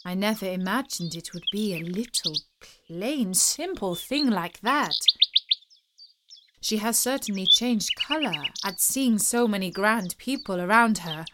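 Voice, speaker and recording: A woman's voice: medium pitch, expressive, unhurried, very noisy, close to an everyday voice. A woman voicing a pompous male lord in waiting at a royal court in a fairy tale reading. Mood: dismissive.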